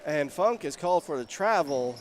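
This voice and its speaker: A young man calling live high school basketball play-by-play, rising to shouts on big plays. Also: expressive, normal speed, slight background noise. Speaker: play-by-play commentator. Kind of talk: live sports commentary.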